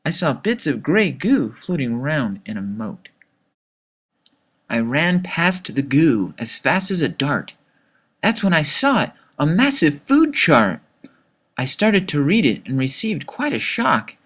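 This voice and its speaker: A man reads aloud a rhyming children's story he wrote, delivering it dramatically and expressively. His voice is a little high and slow, with a breathy edge.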